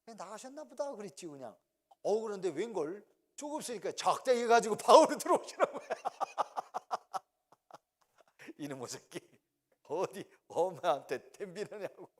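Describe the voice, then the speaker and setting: A man's voice: sits high, big pitch swings, moderate pace. A middle-aged male pastor preaching a sermon, telling family stories with laughter and acting out his parents' voices. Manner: storytelling, acts out parents' voices, laughs often.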